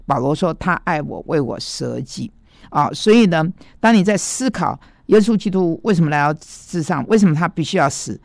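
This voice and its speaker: A man's voice: on the high side, creaky, no echo, clean studio sound. A man preaching a sermon, explaining Greek word roots with emphatic rhetorical asides. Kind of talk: sermon teaching.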